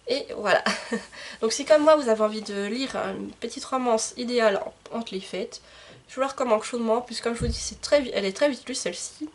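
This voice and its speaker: Brief: young woman vlogger, husky and a bit high, chatty with lots of restarts. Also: brisk. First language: French. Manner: chatty, hesitant with many fillers and restarts. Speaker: book vlogger. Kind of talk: casual monthly reading wrap-up.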